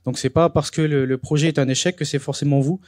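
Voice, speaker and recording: A man's voice: a little high, steady tone, quick pace, a little mellow, dry recording, clean studio sound. A young man hosting a talk event, speaking casually with frequent hesitations. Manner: chatty, hesitant, with many fillers. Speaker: event host. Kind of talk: presentation to a live audience.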